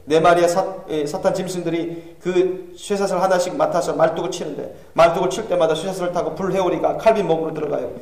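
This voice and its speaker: Fast, high-voiced fervent male preacher. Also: fairly even intonation, a little mellow. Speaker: pastor. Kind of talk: sermon. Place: church sanctuary. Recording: echoey church hall, far mic.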